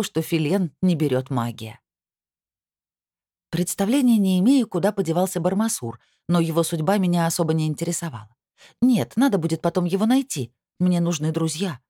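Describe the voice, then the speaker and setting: A woman reading an audiobook in first-person scripted narration with a lively, wry storytelling manner. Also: lowish voice, dry recording, studio quality.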